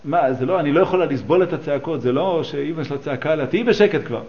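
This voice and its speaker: A man's voice: fairly high pitch, a little mellow, dull audio. A man teaching a class on scripture, explaining the texts line by line and asking his listeners questions. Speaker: religious teacher. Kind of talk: teaching a class on a psalm and midrash.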